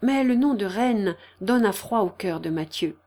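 A woman's voice: medium pitch, animated, measured pace, a little mellow. Woman narrating a classic novel. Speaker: audiobook narrator. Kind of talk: scripted literary narration.

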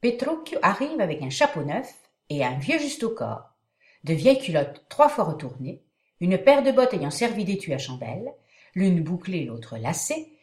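A woman voicing an excitable young male servant in a stage comedy, breathless and exclamatory as news piles up. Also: medium pitch, reverberant, natural voice. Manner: breathless, exclamatory, piling up long lists. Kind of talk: dramatic reading of a classic stage comedy.

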